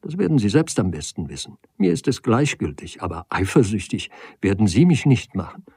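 A man reading the part of a proud young woman who speaks in a sharp, reproachful way in a storybook reading. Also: big pitch swings, fairly quick, gravelly, slightly rough, no echo, studio quality, exaggerated voice. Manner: sharp, reproachful, rising pitch.

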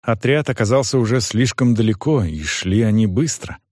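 A man reading a fantasy audiobook in a measured, expressive storytelling manner. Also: lowish voice, no room sound, studio quality. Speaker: audiobook narrator. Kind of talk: scripted audiobook narration.

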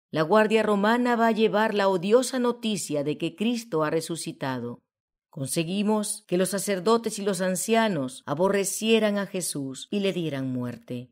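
A woman's voice: mid-range voice, darkish tone, close to an everyday voice. A woman reading the lines of Satan, a scheming male ruler of fallen angels, in an audiobook, in a commanding tone.

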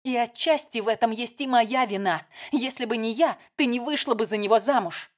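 A woman's voice: fairly high pitch, fairly quick, pitched above the performer's own voice, lightly acted. A woman reading a novel aloud, voicing a heated, insistent younger sister.

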